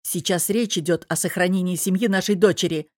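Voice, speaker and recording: A gruff, domineering father from an audiobook, voiced by a woman reader. He speaks in a lower, louder, clipped voice, commanding and grumbling. The recording is dry and close. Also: steady tone, fairly quick, dry recording, close to an everyday voice. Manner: curt, commanding, growling. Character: stern middle-aged father, gruff and domineering.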